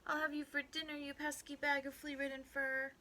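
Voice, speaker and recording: Woman doing a shrill tiny leprechaun. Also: moderate pace, background noise, close to an everyday voice. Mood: angry. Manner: high, shrill cries. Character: tiny frantic male leprechaun, sly and firm.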